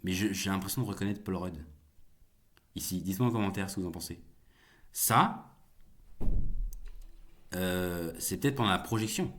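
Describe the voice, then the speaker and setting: A man's voice: sits low, fast talker. A young man hosting a casual solo video, chatty and jokey with viewers, rambling with many fillers and restarts. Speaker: YouTube host reacting to film news.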